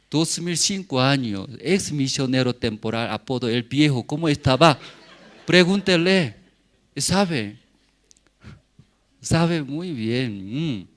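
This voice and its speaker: A man in his forties, a pastor, giving a sermon testimony in halting speech with frequent asides to the congregation. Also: mid-range voice. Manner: slow, halting non-native Spanish with many asides to the congregation.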